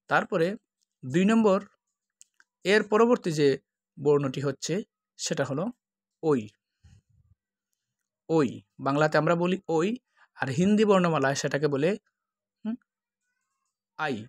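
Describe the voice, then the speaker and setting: A man giving a patient tutorial, slowly drawing out each letter sound to compare two alphabets. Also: fairly high pitch, no echo, clean studio sound. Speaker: language teacher. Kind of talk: tutorial explanation.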